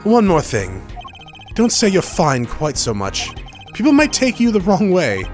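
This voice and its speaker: A man voicing a composed senior defence lawyer from a video game, measured, formal and dryly teasing. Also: high voice, huge pitch swings, darkish tone, soft background music, voice pushed up, heavily acted.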